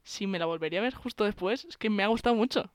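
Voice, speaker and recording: A woman's voice: medium pitch, fast, no echo, clean studio sound. A woman with a Spanish accent from Spain, chatting casually and enthusiastically while reviewing a film. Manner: enthusiastic, chatty, laughs often. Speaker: film podcast co-host.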